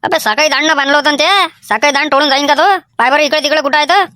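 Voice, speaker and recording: Woman doing a high squeaky fussy village farmer, vidarbha marathi accent, bossy and talks fast. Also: no echo, studio quality. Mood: frantic. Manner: lecturing, fussy, shouts orders. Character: fussy middle-aged village farmer, excitable.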